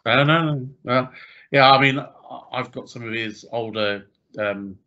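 A man's voice: medium pitch, measured pace, bright, forceful tone, lo-fi sound. A man hosting a casual podcast chat, talking hesitantly with many fillers and repeated words.

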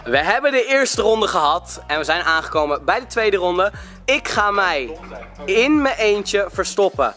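A young man hosting a casual vlog in slangy, excitable chat, speaking into a handheld camera. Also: sits high, measured pace, faint music behind. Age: young adult. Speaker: vlogger hosting a hide-and-seek game. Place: inside a closed cinema. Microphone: handheld camera at arm's length.

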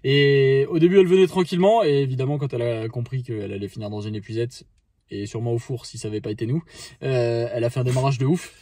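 Sitting in a parked car with the phone at arm's length, a thirties-aged fishing vlogger excitedly retells his trip to camera. He speaks fast in a mid-range voice, loose and slangy with plenty of fillers, and the recording has no room sound.

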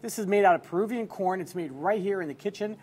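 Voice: medium pitch, fast, a little mellow, breathy edge. A food show host narrating a restaurant review as a voice-over in an enthusiastic, folksy way, who keeps calling dishes delicious.

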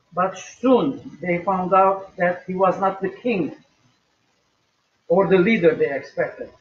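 An older man preaching a recorded sermon at home in a slow, measured way with emphatic rises. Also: high-pitched. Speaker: pastor. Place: small home room, indoors. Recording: echoey, distant, dull webcam audio.

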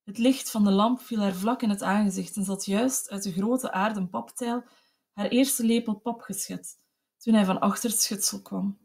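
A woman narrating an audiobook of classic literature in a steady, measured storytelling voice. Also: medium pitch, creaky, husky.

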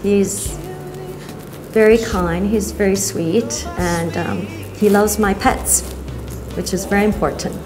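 A woman in her thirties, raised across several countries, talking fondly and at a measured pace about her fiancé in a sit-down interview in a bright sunroom. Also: mid-range voice, steady tone. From Thai, French and American, raised abroad. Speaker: bride-to-be interviewee. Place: bright glass sunroom with garden outside. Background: soft music.

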